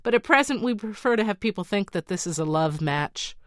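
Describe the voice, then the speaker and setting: A woman voicing a pompous male chief counselor at a royal court, proclaiming loudly. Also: medium pitch, animated, fairly quick, no room sound, clean studio sound, natural voice. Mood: official.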